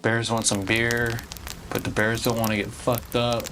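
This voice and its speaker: A man's voice: mid-range voice, level tone, a little slow, noisy background. Laid-back, swearing man tasting beer. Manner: laid-back, profane, slangy. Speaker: beer reviewer vlogger. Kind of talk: casual tasting review.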